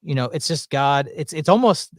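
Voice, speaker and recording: A man's voice: on the high side, lively intonation, moderate pace, no echo. Rambling young Southern man, dry sound. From American South. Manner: rambling, filler-heavy. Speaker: panelist. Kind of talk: casual group discussion.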